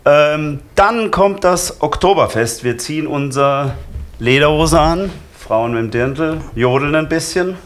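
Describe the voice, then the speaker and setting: A man from Lower Franconia, a guest chatting casually about carnival plans with many hesitations. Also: animated, a little slow. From Lower Franconia, Germany. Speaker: carnival club member, guest. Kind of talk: casual radio chat.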